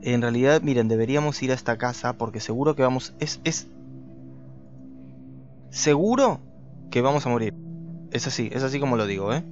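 A man giving let's play commentary, talking to viewers and shooting up in pitch when startled. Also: fairly quick, long pauses, dull audio, faint music behind. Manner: excitable, talks to viewers, jumps high when startled. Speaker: gaming video host.

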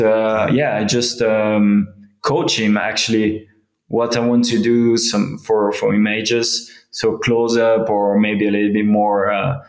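Slow, gravelly man. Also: lowish voice. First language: French. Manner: halting, many fillers and restarts. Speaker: guest, freeride skier. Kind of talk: casual interview. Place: indoor room, remote video call. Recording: echoey room sound.

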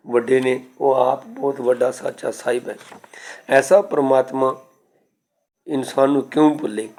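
A man giving a scripture exposition sermon, reciting verses slowly and then explaining them in plain words. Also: mid-range voice, a little mellow. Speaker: Sikh preacher.

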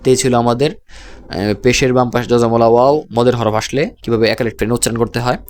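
Slow, flat-voiced man teaching Quran reading. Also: medium pitch. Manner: slow, measured, repeats each syllable. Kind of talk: slow spelled-out recitation lesson.

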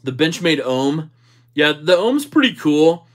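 A man's voice: fairly high pitch, sing-song, a little slow. A man hosting a livestream, casually reading and answering viewer comments in a jokey, easygoing way. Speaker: livestream host.

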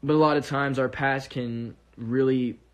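Male musician, mid pitch, speaking earnestly and rambling straight to fans over a phone stream. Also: steady tone, unhurried. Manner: earnest, rambling with many restarts. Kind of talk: casual livestream monologue.

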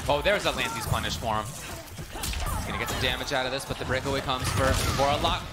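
Male fighting game analyst, quick and animated, swooping exclamations, loud music underneath. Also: mid-range voice. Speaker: esports commentator. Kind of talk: live colour commentary of a fighting game. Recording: loud music behind the commentary.

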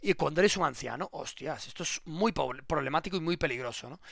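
A man giving casual live-stream commentary, swearing and repeating himself excitedly. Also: a little high, a little fast, vocal fry, no echo, clean studio sound.

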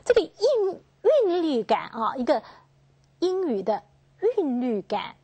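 Slow, husky-voiced woman teacher. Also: high-pitched, big pitch swings, a little mellow, no echo. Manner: slow, drawn-out, repeats key terms, asks students questions. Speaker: English phonetics teacher. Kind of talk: classroom lecture.

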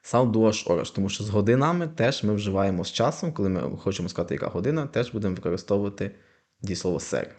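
A man teaching a language lesson, explaining patiently, repeating example phrases slowly and checking in with quick questions. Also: fairly low pitch, big pitch swings, a little mellow.

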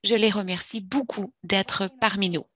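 A woman interpreting a formal webinar presentation as it happens. Her voice sits at an ordinary middle pitch, and her delivery is measured, with phrasing that runs in uneven bursts. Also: fairly even intonation, a bit bright. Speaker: simultaneous interpreter.

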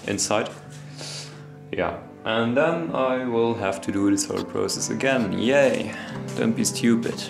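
A young man talks through his boatbuilding work in a casual vlog, scolding himself for his own mistakes. His voice sits low. The action camera catches the hard echo of a garage workshop, with faint music underneath. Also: creaky. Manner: self-critical, explaining as he works. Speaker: hobby boatbuilder. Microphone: action camera, handheld and set down.

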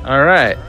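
A young man playing games with friends, joking and swearing with quick reactions. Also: bright, forceful tone. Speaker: guest player. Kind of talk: casual let's-play chat.

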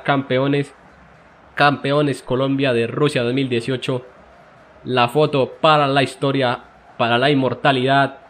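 A man doing excited, jokey play-by-play commentary over his own video game match, with emotional exclamations. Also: mid-range voice. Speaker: gaming commentator.

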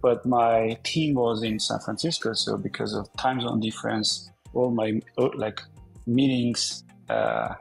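A man's voice: mid-range voice, creaky, breathy edge, low-quality recording. A man in his forties from Armenia, a podcast guest speaking casually over a video call, with frequent fillers and restarts. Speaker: podcast guest, company founder. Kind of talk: casual interview talk. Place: indoor room.

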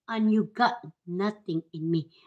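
A woman's voice: mid-range voice, slow pace, dull audio. A woman from the Philippines vlogging in a confrontational rant, taunting and swearing, switching between languages. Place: living in the United States.

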